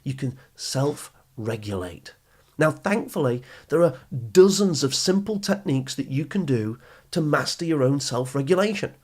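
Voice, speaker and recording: Animated and mid-range, delivered at normal speed, this British man's voice drives a motivational advice podcast. As a study skills coach he speaks right to listeners, explaining emphatically and relying on rhetorical questions and repetition.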